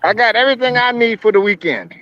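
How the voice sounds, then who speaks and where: A man's voice: very high voice, lively intonation, fast talker, bright, forceful tone, lo-fi sound. An American man chatting and joking crudely while driving, heard as the vlogger behind the camera. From United States. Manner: crude, joking banter with laughs. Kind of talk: casual chat while driving. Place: in a car.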